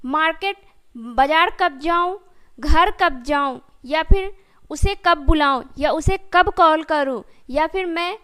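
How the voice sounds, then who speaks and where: A woman teaching a spoken English lesson, explaining step by step, asking her students questions and slowing right down on each example sentence. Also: extremely high pitch. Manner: addresses students directly and often asks questions.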